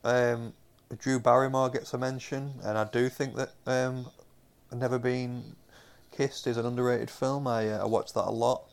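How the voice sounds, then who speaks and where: A man's voice: mid-range voice, flat delivery, normal speed, gravelly, smooth. A young man with a Northern English accent chatting casually about TV episodes, rambling with lots of ums and restarts. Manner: rambling, many fillers and restarts. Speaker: podcast co-host. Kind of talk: casual chat reviewing TV episodes.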